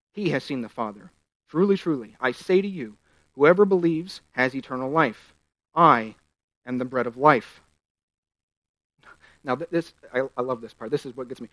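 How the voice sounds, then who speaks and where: Preaching man with a higher voice. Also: dry recording. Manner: reads scripture aloud and explains it, rising loud at key points. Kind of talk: sermon.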